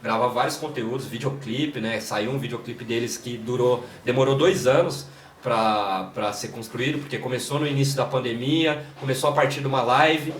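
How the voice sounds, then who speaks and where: A man with a São Paulo accent, a guest in a casual interview, telling stories in a relaxed way with many "né" fillers. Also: medium pitch, moderate pace. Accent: São Paulo Portuguese. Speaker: guest, creative director and videomaker. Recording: echoey room, distant mic, faint noise.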